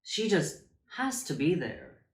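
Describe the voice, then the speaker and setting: Man, children's storytime read-aloud, fairly high voice, swooping intonation, theatrical pauses. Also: wildly swooping pitch, vocal fry. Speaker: drag storytime reader. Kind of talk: expressive children's picture book read-aloud. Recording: echoey room.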